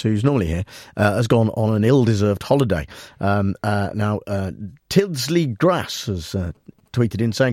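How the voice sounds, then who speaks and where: Animated radio host. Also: male voice, medium pitch, dry recording, clean studio sound. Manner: playful, mock-serious, lots of filler. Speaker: radio talk show host. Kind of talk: comic radio chat.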